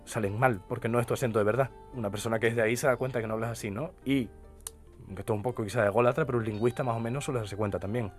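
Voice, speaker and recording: Fast-talking Canarian man, chatty linguist. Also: medium pitch, steady tone. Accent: Canarian Spanish. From Canary Islands. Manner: talkative, explains with many tag questions. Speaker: guest linguist and poet. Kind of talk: radio interview conversation. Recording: radio studio with faint music behind.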